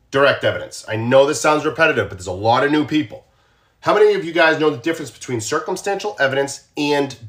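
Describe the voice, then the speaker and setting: A Boston-accented man who used to work in law enforcement streams true crime content, chatting with viewers, asking them plenty of questions and repeating himself. His voice runs on the high side with a fairly bright tone.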